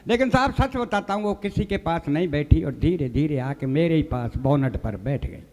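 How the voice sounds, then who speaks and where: On the stage of a live poets' gathering, a comic poet recites funny verse and stories, acting out the dialogue and calling the audience "sahab." His voice is slightly high, expressive and darkish, at a moderate pace, with a long reverb tail behind it.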